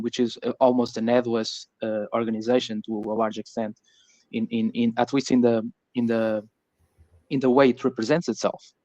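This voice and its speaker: This is a man from Portugal, speaking in a Portuguese accent with a medium, somewhat dark voice. He's in a relaxed discussion, often circling back over words as he looks for how to say things, and the voice-chat recording is muffled with an echo.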